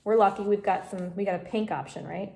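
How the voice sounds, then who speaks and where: A woman's voice: mid-range voice, fairly even intonation, a little fast, very noisy. A woman teaching a home craft tutorial on a phone camera, explaining each step patiently and coaching a child beside her. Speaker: craft instructor.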